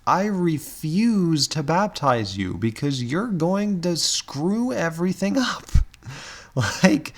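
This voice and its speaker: A man doing an exasperated, scolding man who bursts out in disbelief, his voice pushed up higher and louder than his own. He is emphatic and incredulous, with lines that swing high and stretch out as he berates a friend. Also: exaggerated voice.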